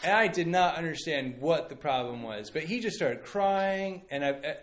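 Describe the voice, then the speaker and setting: A man's voice: fairly high pitch, lively intonation, moderate pace. A man in his thirties, a pastor giving a conversational sermon and telling stories with many fillers and restarts.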